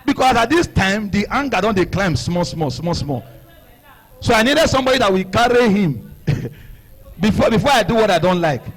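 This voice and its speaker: A middle-aged man with a Nigerian accent, preaching a sermon as a story, animated, laughing and shouting for emphasis. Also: sits high, moderate pace. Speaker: pastor.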